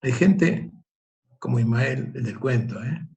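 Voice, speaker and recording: A man with a gravelly, creaky voice tells a parable in a relaxed interview. He talks in an animated, reflective way, with lively turns as the story goes. His pitch sits in an ordinary middle range. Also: slow pace. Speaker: guest. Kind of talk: conversational storytelling.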